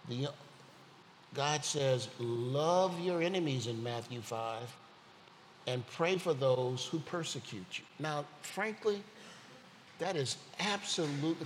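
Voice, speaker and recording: An earnest guest preacher, a man with a slightly high voice, takes his time and speaks very slowly as he weaves personal stories into his sermon. His words carry a long reverb through the hall. Faint ambient noise sits beneath his voice. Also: lively intonation.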